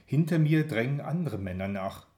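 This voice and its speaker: A man reads a first-person story aloud, measured and expressive. His intonation rises and falls in a very lively way, while his pitch sits in the middle. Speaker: narrator. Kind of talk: audiobook narration.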